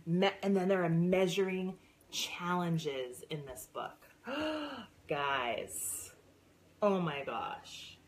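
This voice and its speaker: A woman's voice: fairly low pitch, extremely slow, slight background noise, rough recording. A middle-aged woman gushing over new books in a casual unboxing vlog, squealing and gasping with delight. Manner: gushing, excitable, squeals and gasps. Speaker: book seller and former science teacher.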